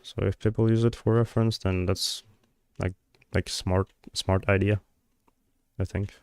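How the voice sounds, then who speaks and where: Working on a live stream, a Georgian man whose first language is Georgian muses aloud in a low, flat voice. He takes his time, hesitating often with fillers and thoughts that trail off. There's no echo on the recording.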